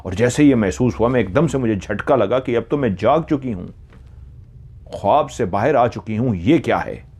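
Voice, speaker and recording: A man narrating a first-person suspense story in a slow, suspenseful manner. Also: mid-range voice, expressive, a little mellow, breathy edge.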